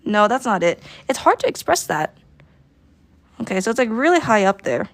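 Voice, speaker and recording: A woman's voice: a little high, sing-song, normal speed, no echo. A woman chatting casually while she draws during a livestream art lesson, giggling and thinking aloud. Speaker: art teacher streaming live.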